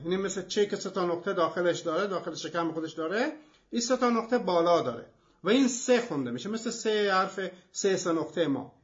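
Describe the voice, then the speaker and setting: A man hosting a language programme, giving an explanatory lecture in a methodical way with many examples. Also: sits high. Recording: dull lo-fi recording.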